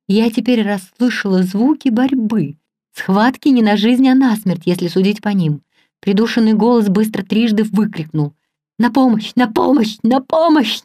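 Casting: woman audiobook narrator, expressive dramatic reading, mellow dark tone. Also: mid-range voice, no echo, clean studio sound. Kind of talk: scripted narration.

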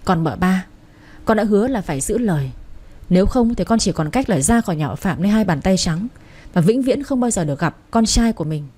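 A woman's voice: mid-range voice, animated, fairly quick, warm tone, breathy edge. A woman voicing a stern elderly mother who rules her household, speaking severely and with command. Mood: grave.

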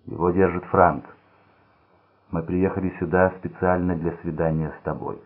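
A man's voice: deep voice, flat delivery, moderate pace, husky. A man voicing a cruel, mocking gangster who speaks in a menacing, sneering way. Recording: tinny phone-like sound.

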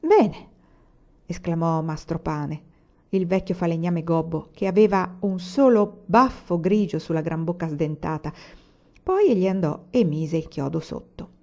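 A woman reading a classic novel aloud in a measured, even storytelling manner. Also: lowish voice, dull audio. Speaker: audiobook reader. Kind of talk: literary audiobook narration.

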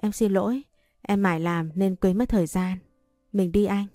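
A woman's voice: medium pitch, moderate pace, warm tone, no room sound, clean studio sound, faint music behind, close to an everyday voice. A woman reading the lines of a young scheming impostor wife in an audiobook, sweet and sly.

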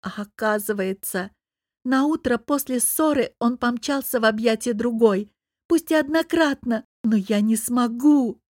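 A woman's voice: measured pace, a little mellow, no echo, studio quality. A woman voicing a heartbroken young wife who cries and wails as she speaks, in an audiobook. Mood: tearful. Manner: wailing, high and strained. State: crying.

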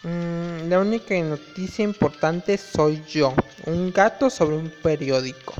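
A man's voice: on the high side, slow, darkish tone. A young man telling gossipy student stories in a chatty way full of fillers. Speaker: student vlogger. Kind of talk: casual storytelling. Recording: dull lo-fi with reverb, faint music.

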